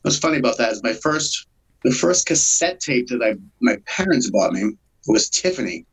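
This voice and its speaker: A man's voice: mid-range voice, very animated, normal speed, rough recording. Chatty man in his forties. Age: 40s. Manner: laid-back, chatty, laughs often, many fillers. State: slightly congested from a cold. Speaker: solo acoustic musician. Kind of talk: casual interview.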